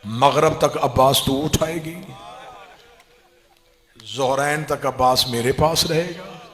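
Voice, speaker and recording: A man delivering an emotional sermon, telling a sacred story and swelling into loud, impassioned cries as he voices its figures. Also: mid-range voice, in a large hall. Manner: rising to loud impassioned wailing, voicing quoted figures. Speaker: religious orator.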